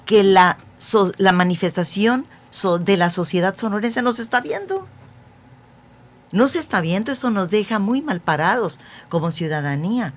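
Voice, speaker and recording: A woman speaking as a guest analyst on a radio panel, measured and explanatory. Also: mid-range voice, lively intonation.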